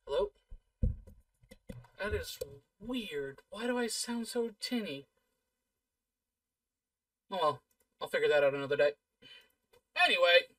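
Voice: medium pitch, recorded from a distance. A person casually commenting on their game, thinking aloud with a tinny, metallic-sounding mic. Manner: chatty, rambling, thinking aloud with many fillers. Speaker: gamer playing through a game. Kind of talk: casual let's-play commentary. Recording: tinny voice off the mic over loud game music. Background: loud game music.

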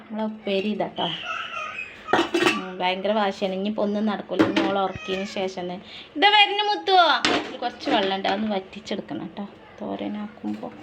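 A woman narrates her cooking in a relaxed, chatty way, often checking in with her viewers. Her voice sits in an ordinary middle pitch. Loud clanking pots, dishes and stirring from her home kitchen fill the recording behind her. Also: fairly quick, heavy background noise. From Malappuram, Kerala. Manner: chatty, keeps adding friendly tag questions to viewers. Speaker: home cooking vlogger and mother. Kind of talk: casual cooking vlog narration.

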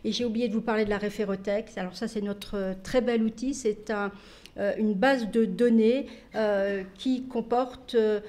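A woman researcher giving a conference talk in a halting way, repeating words as she searches for them. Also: medium pitch, warm tone. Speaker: researcher presenting her project. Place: university lecture hall.

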